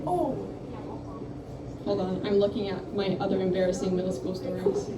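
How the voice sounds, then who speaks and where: At a campus coffeehouse, a young adult comedian holds a handheld microphone and rambles through self-deprecating stand-up. She speaks at normal speed in a mid-range voice, and the recording is noisy and echoey, picked up by a room mic from far away.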